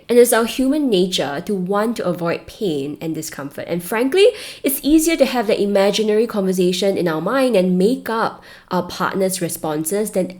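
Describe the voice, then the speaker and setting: A woman with a Singaporean accent and a voice a little lower than most women's. She delivers scripted advice as a host, speaking straight to the listener and stressing her points. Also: darkish tone. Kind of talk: scripted advice talk to camera.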